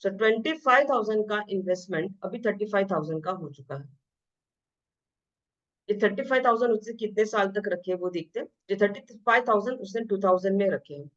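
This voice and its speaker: Female maths tutor, code-switching, reads problems slowly, mid-pitched voice, dull lo-fi audio. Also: expressive. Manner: mixes Hindi and English, reads questions slowly, explains quickly. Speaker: math teacher. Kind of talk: exam-prep math lesson. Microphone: screen-share voice recording.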